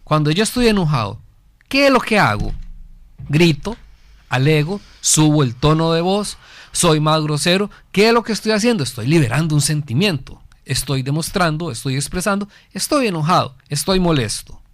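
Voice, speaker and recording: A man's voice: fairly high pitch, animated, moderate pace, no room sound. A man from Costa Rica with a Costa Rican accent, hosting a family guidance program and lecturing earnestly on parenting, often asking himself questions and answering them. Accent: Costa Rican Spanish. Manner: earnest, rhetorical questions, repeats phrases for emphasis. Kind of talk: didactic talk on parenting.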